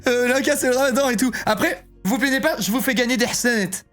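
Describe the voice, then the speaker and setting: A man's voice: very high voice, fast talker, a bit bright, soft background music. A man streaming live, chatting casually and joking while he reads his chat aloud.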